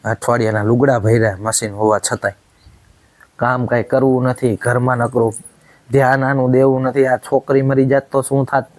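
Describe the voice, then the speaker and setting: A man's voice: mid-range voice, little pitch movement, moderate pace, a little mellow, no echo. A man playing an angry husband in a family drama, scolding and accusing, again and again demanding agreement.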